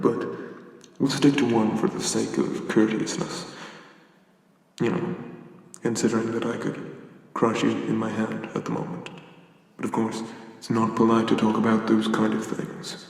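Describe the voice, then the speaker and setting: An old giant god of the hunt, played by a man, speaks with an Irish accent in an ASMR-style ASMR role-play. His delivery is even and very deliberate, formal and condescendingly gentle with a threat beneath. The voice rings in a large, echoing space. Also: mid-range voice, lightly acted. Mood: amused, lordly. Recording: echoey hall-like reverb, somewhat distant.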